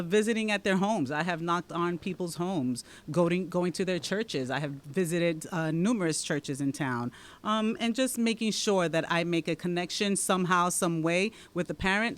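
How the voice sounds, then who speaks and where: A woman from the Dominican Republic, who is a township committeewoman and a teacher, answers interview questions as a guest. She speaks with a Dominican accent in a low voice, explaining things and often checking in with "right?".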